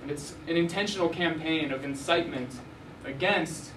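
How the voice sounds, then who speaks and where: At a normal speed and with a slightly high voice, a young journalist from Arizona, USA gives a slide lecture indoors at a university lecture hall. His manner is casual, full of ums and restarts. A distant room mic picks up heavy echo and steady background noise.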